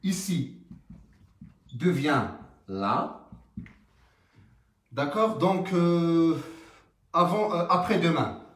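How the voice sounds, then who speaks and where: A man teaching a French grammar lesson, explaining slowly and haltingly with many fillers and frequent checks like "d'accord?". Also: fairly high pitch, lively intonation, fairly bright tone. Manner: slow, halting explanation with many fillers and rising question tags. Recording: roomy, from some distance.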